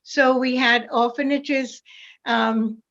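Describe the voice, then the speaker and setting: Older Jamaican woman, calm reflective voice. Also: high-pitched, slow pace, muffled recording. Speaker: parishioner guest. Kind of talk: casual interview.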